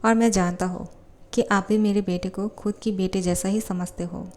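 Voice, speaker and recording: A woman's voice: mid-range voice, steady tone, normal speed, darkish tone, close to an everyday voice. A woman reading the part of a stern, lecturing father in a fan fiction voiceover. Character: stern middle-aged father.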